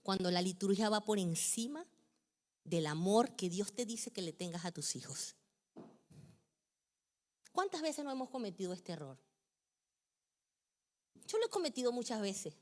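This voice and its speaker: A middle-aged woman pastor preaching a sermon with passion, moving from hushed phrases up to near shouting. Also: mid-range voice, big pitch swings, measured pace, long pauses.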